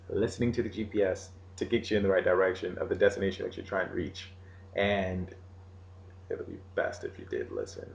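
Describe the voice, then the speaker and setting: A man giving an informal meditation lesson in casual, halting, unscripted phrasing. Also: low voice, gravelly, dull audio. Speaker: meditation teacher. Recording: roomy echo, faint background noise.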